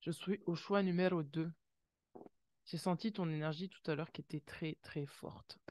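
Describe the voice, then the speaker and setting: A woman with a deep voice, speaking at a moderate pace, does an intuitive oracle card reading. She talks straight to viewers in a warm second person, exclaiming often with gasped wows and little sound effects.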